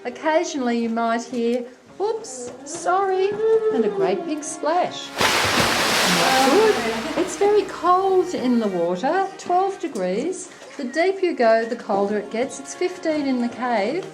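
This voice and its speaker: A woman's voice: high voice, sing-song, unhurried. An Australian woman guiding a cave tour, telling its history in a chatty, wry way, her voice ringing with cave echo. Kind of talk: guided tour talk. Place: inside a limestone show cave. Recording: echoey cave with loud music behind. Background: loud music.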